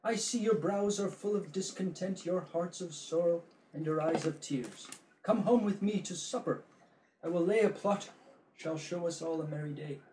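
A man's voice: a little high, moderate pace, darkish tone, a little hiss or hum, lightly acted. A man reading a grave scheming abbot. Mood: conspiratorial. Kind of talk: amateur play read-through. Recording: echoey room.

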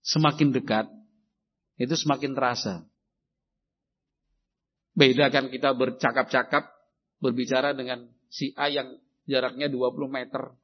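A man preaching a sermon on parenting, acting out shouted exchanges between parent and child in an animated way. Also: mid-range voice, measured pace, long pauses, breathy edge. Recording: dull lo-fi recording.

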